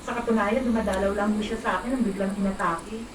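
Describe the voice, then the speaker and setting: A woman's voice: mid-range voice, fairly even intonation, fast, natural voice. A woman playing a worried hospital visitor who speaks politely and respectfully. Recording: echoey, distant, noisy playback.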